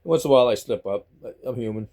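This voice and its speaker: Talking very fast in a mid-range voice with a dark tone, a middle-aged man with a Boston accent rambles to his phone on a selfie stick at home. The vlogger is chatty and casual, circling back to repeat himself.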